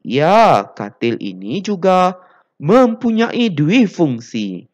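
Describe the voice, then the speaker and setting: A teacher reading the part of a modest male welder who invented a bed, in a plain, steady explanatory manner. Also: mid-range voice, slow, pitched above the performer's own voice.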